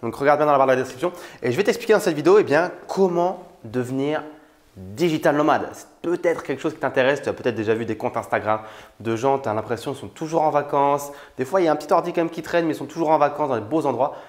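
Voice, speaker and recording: A man's voice: fairly high pitch, quick pace. A young man from France talking casually to the camera as a YouTuber, informal and familiar with the viewer, with frequent fillers. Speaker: YouTuber on money and online business. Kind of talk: casual direct-to-camera talk.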